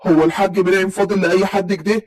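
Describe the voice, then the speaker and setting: A man's voice: high-pitched, steady tone, fast, distant mic, pitched below the performer's own voice, natural voice, poor audio. Woman putting on a curt, scornful young Upper Egyptian man. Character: brusque arrogant young male Upper Egyptian heir.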